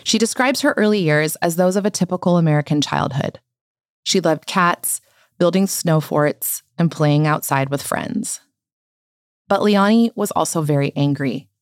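Low-voiced woman hosting a radio show. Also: moderate pace, no room sound, clean studio sound. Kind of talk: scripted narration.

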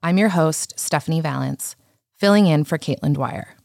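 A woman hosting a public radio program, reading a measured, formal scripted introduction. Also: deep voice, vocal fry, a little mellow, no echo, clean studio sound, faint music behind. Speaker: radio show host. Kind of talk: scripted narration.

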